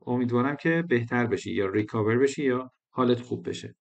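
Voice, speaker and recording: A man's voice: mid-range voice, vocal fry, muffled recording. A male English teacher explaining a lesson patiently, repeating phrases and switching between languages.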